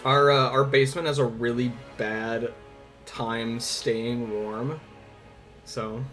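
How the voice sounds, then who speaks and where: With music playing in the background, a livestream host in his twenties rambles casually to viewers, informal and occasionally swearing. He talks slowly in a medium-pitched, slightly bright voice with flat delivery.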